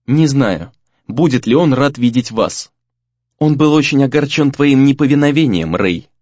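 A man's voice: mid-range voice, animated, normal speed, a little mellow, no room sound, dull audio, natural voice. A man voicing a wary, serious young female temple apprentice who speaks in an anxious, hesitant way in an audiobook.

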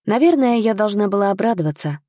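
A woman's voice: medium pitch, expressive, fast, mellow, no echo, studio quality. A woman narrating a first-person audiobook expressively, voicing the heroine's lines with indignation.

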